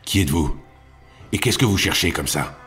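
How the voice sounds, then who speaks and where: A man's voice: sits low, animated, moderate pace, a bit bright, soft background music. A man voicing a short, balding wigmaker in his fifties, unhinged, with a raised and urgent manner, in an audiobook. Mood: suspicious.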